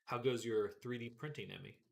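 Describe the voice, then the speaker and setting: A man casually chatting with viewers while he works on 3D models, relaxed and joking. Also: medium pitch, fairly quick, creaky. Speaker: avatar artist streaming his work. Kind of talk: casual livestream chat.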